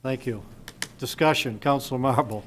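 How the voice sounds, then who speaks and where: A man chairs a town council meeting, briskly reading agenda items into a desk microphone in the council chamber. His pitch is medium, and there's a little hiss or hum.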